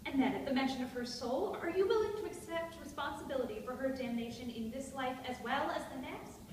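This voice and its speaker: In an echoey, noisy hall, picked up by a distant microphone, a woman with a high, expressive voice speaks a little fast at a live staged reading of a period play. She plays an anxious, melodramatic widowed stepmother with frail nerves, sounding distressed and impassioned as she delivers formal, ornate lines.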